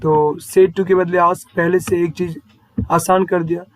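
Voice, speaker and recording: A male teacher walks through exam answers and keeps checking in with his listeners after each point. His voice sits high for a man, and he slows right down to read out the English phrases. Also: little pitch movement, no echo, poor audio. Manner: explains step by step, repeats "है ना?" to check in; reads English phrases out slowly.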